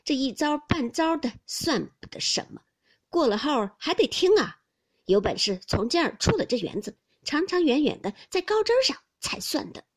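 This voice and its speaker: 女声演绎的尖刻冷笑的年轻丫鬟. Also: female voice, very animated, normal speed. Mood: sneering. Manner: high, mocking, sneering. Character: sharp-tongued young maid, scornful and jealous.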